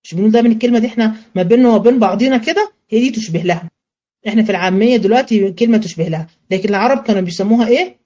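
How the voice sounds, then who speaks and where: A woman teacher with an Egyptian accent giving a religious studies lesson in colloquial Arabic, asking questions and answering them herself, and slowing to a chant when she recites verses. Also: a little high, mellow, dull audio.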